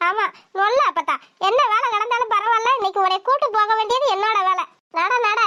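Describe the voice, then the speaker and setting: A woman's voice: very high-pitched, brisk, sharp tone, no echo, studio quality. A woman voicing a fussing, bossy old village grandmother who scolds and wails in a cartoon. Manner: scolding, nagging, dramatic wailing.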